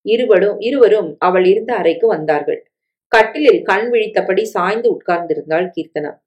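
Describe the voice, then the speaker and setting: A woman reading a family story aloud in a steady, plain way. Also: mid-range voice, normal speed, dull audio. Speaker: narrator.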